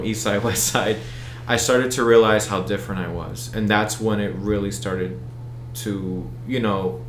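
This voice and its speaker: An American man who organizes events is a guest in an interview, talking casually and rambling, with many restarts and fillers as he circles back through his sentences. His voice is fairly low, heard in an echoey room with a little hiss or hum.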